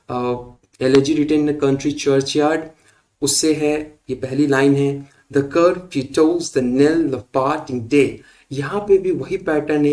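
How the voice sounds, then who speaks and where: A man giving a literature lecture, explaining terms in a measured, careful way and reading verse lines with their beats stressed. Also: mid-range voice, darkish tone. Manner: measured, explanatory, mixes English terms into Hindi. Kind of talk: recorded lecture.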